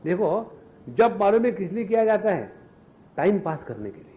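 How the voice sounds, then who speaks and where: A man giving a scripture discourse as a spiritual teacher, animated, asking rhetorical questions and chanting mantras. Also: high voice, moderate pace, muffled recording.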